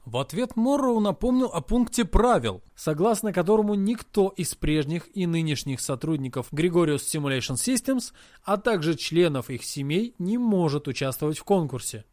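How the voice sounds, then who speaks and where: A man narrating a novel in the first person as an audiobook reader, in a steady storytelling manner. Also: on the high side, moderate pace, dry recording, clean studio sound.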